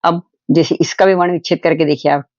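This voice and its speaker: A man teaching a patient, step-by-step Hindi grammar lesson for children, repeating each example slowly. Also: on the high side, steady tone, a little mellow, no room sound. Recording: dull, dry lo-fi recording.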